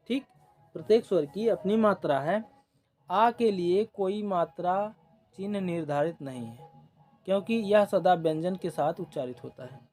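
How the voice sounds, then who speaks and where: A male exam-coaching teacher speaks very slowly in a somewhat high voice. He goes over every rule twice and checks in with the class through short prompts. Faint music plays underneath. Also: a little mellow. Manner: repeats definitions slowly, checks in with "ok", "theek".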